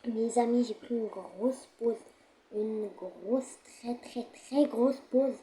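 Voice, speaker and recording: A woman giving casual, hesitant commentary over a block-building game, with frequent fillers and pauses while she thinks. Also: fairly high pitch, mellow, slight background noise, poor audio. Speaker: gamer.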